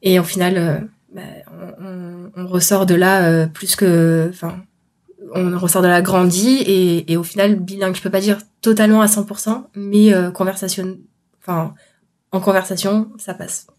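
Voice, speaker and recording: A young woman from France chatting halfway through her story, halting and laughing now and then as she tells it. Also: fairly low pitch, little pitch movement, a little mellow. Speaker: interviewee recounting work abroad. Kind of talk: casual spoken testimony.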